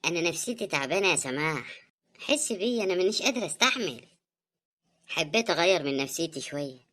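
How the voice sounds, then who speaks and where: A woman voicing a tired young widow in an animated drama, speaking Egyptian Arabic in a pleading, defensive way. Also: fairly low pitch, fast talker. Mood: weary, defensive.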